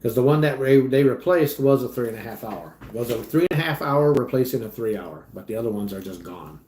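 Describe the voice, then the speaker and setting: A man hosting a casual livestream, rambling as he reads chat comments and trails off quietly at the ends of his thoughts. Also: mid-range voice, expressive, fairly quick, a little hiss or hum. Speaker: livestream host and delivery driver. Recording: echoey room.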